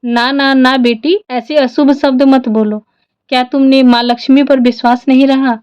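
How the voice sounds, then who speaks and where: A woman voicing a gentle elderly woman who soothes and advises a grieving devotee, in a storytelling style. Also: high-pitched, level tone, normal speed, clean tone, lo-fi sound, natural voice. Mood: consoling.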